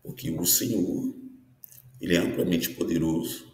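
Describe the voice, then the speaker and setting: The deep, slightly mellow voice of a pastor in his fifties moves at a moderate pace through an echoey room. He earnestly teaches a prophetic sermon, frequently pausing to check in with listeners through tag questions.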